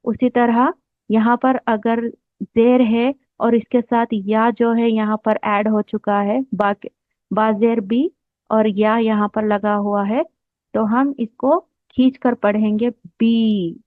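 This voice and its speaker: A woman teaching a slow explanatory language lesson, patiently repeating each term while she writes it out. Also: fairly high pitch, flat delivery, no echo. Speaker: Arabic teacher. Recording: dry, tinny phone-like sound.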